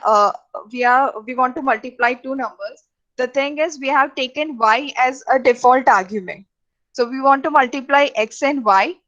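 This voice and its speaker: Halting woman lecturing, lo-fi sound. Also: high voice, fairly bright tone. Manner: halting, many fillers and restarts. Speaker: programming teacher. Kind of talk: lecture over slides. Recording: dull lo-fi recording.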